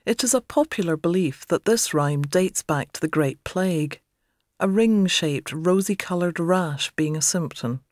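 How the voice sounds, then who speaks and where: A woman reads page numbers and short notes in a calm, explanatory way. Her voice is lowish and her pace slow. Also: dry recording. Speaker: narrator. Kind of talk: scripted narration of notes.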